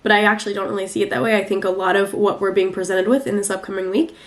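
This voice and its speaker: A young woman, congested and nasal from a recent flu, does a casual weekly tarot reading in a middling pitch with fairly even intonation. She talks rapid-fire in a chatty, rambling way, trailing off into many fillers.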